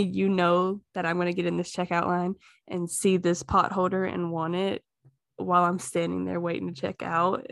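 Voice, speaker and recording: A woman's voice: lowish voice, gravelly, no room sound, clean studio sound. A woman, a mother of two and the guest, chatting casually in a rambling, storytelling way. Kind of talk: casual chat.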